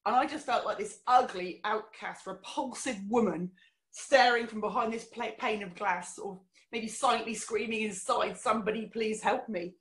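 A woman's voice: fairly high pitch, normal speed, fairly bright tone. A middle-aged woman from England, candidly telling her life story as an interview guest, with many fillers. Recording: roomy echo.

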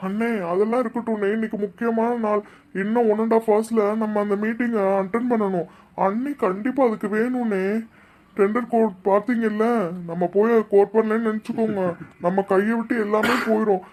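A woman's voice: on the high side, fairly even intonation, a little fast, darkish tone, lightly acted. A woman voicing an insistent younger brother in a cartoon. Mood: urgent. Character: urgent younger brother, business partner. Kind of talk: cartoon voice acting.

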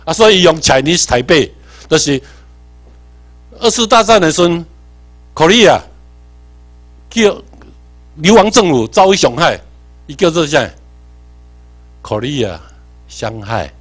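Taiwanese guy lecturing a class, kinda high pitched, gets loud then trails off quiet, keeps quizzing the room. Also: slow pace, pauses often. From Tainan, Taiwan. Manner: animated, quizzes the audience, loudness swings from emphatic to muttered. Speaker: workshop lecturer. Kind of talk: seminar lecture mixing Hokkien and English terms.

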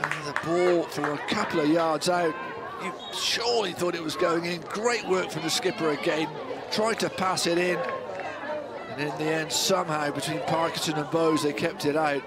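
A man's voice: on the high side, fairly even intonation, moderate pace. A man giving live football commentary in short, clipped descriptive phrases. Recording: loud crowd and outdoor stadium noise.

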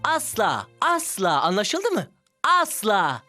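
A woman's voice: mid-range voice, wildly swooping pitch, slow, pushed and bright, faint music behind, full character voice. A woman voicing a brave, kind young male frost sprite in a dubbed cartoon, talking in a firm, protective way. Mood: stern. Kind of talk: Turkish cartoon dub.

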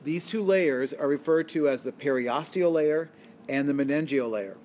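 A man's voice: fairly high pitch, normal speed, a little mellow, a little hiss or hum. Man lecturing on biology, quizzing his class. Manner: asks the class questions and answers them himself; explains step by step and corrects himself. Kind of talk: recorded lecture screencast.

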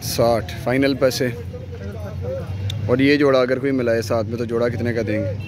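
A man hosting a casual walkthrough of an outdoor livestock market, briskly repeating prices back with upbeat sales patter. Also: medium pitch, flat delivery, a crowd in the background. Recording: noisy outdoor market with traffic.

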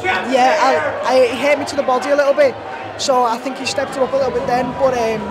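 Young man, fighter interviewee, understated, hesitant, casual, loud crowd behind. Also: extremely high pitch, steady tone, brisk. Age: young adult. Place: busy indoor event venue, in front of backdrop. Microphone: handheld interview microphone held to him.

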